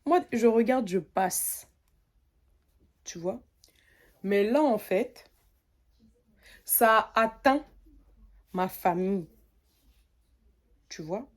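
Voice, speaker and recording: A young woman from French Guiana telling an animated, indignant story in a casual rant. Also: medium pitch, very slow, pauses often. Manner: animated, indignant, mimics others' voices. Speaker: content creator.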